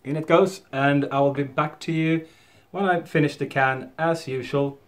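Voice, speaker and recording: A man's voice: fairly high pitch, normal speed. A man doing a casual product review, thinking aloud as he talks into a can held up to his face. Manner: relaxed, thinking aloud with fillers.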